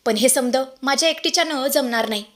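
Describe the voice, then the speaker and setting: A woman's voice: high-pitched, fairly quick, a bit bright. A woman voicing an anxious, loyal maidservant who frets aloud to herself. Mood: worried. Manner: fretful, talking to herself.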